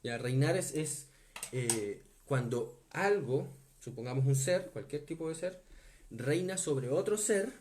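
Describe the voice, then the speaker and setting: A man preaching a Bible teaching sermon, stressing key words, slowing down on them and often asking his listeners whether they follow. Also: on the high side, expressive, a little mellow. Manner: asks the listeners to confirm often.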